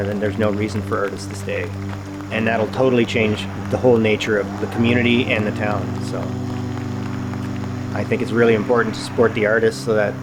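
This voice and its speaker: A man who runs a theater, giving plain-spoken, measured interview answers. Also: lowish voice, poor audio. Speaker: theater operator.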